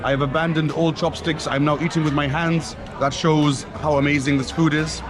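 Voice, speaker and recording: A travel vlogger from Kenya and Switzerland chats casually on camera while eating, both outdoors and at a restaurant, naming flavors as he goes. His voice is fairly high and level at a normal speed, and he sounds enthusiastic, talking between bites during this food tasting.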